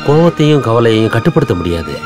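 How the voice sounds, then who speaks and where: An actor playing a wealthy father of a mute girl, speaking calmly and soothingly. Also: mid-range voice, quick pace, natural voice. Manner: calm, soothing. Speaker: film character. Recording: film soundtrack with music underneath.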